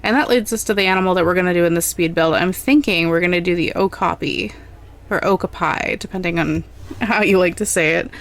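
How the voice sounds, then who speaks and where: A young adult woman giving relaxed, rambling gameplay commentary, thinking aloud as she plans. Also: fairly low pitch, a little fast. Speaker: gaming channel host.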